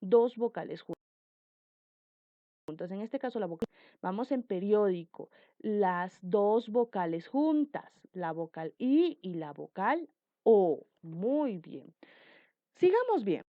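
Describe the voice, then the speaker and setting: A woman teaching a grammar lesson, explaining slowly and emphatically with repeated examples. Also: mid-range voice, big pitch swings, no room sound, muffled recording.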